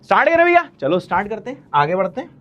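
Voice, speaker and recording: A man's voice: sits high, very animated, racing, a bit bright, muffled recording. A male maths teacher giving an online lecture, chatty and teasing, pushing his students with blunt encouragement. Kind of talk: online maths lecture, motivational pep talk.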